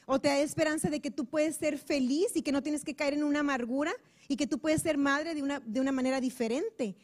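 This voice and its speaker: Lady preacher, high voice, talks like a chat w friends, holds a mic. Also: steady tone, brisk, darkish tone. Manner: earnest, conversational, acts out little dialogues. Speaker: women's ministry preacher. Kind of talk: sermon to a women's group. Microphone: handheld microphone.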